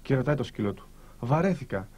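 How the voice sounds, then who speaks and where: Male storyteller, husky tone, lively up-and-down delivery in short phrases. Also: a little high. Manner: lively, animated, pausing between short phrases. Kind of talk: storytelling to listeners.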